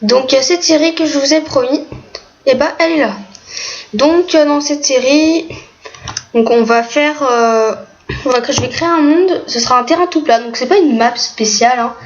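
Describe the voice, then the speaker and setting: With a high voice at a moderate pace, a woman who makes gaming videos gives hesitant, filler-heavy commentary as she plays. The muffled lo-fi mic picks up faint noise and the click of keys.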